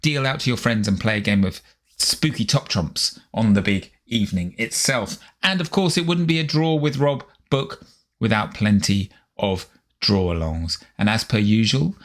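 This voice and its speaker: A man's voice: on the low side, expressive, moderate pace, fairly bright tone. A middle-aged man from the UK giving a friendly, chatty drawing lesson to children, encouraging them and calling them guys. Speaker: children's drawing tutor and author.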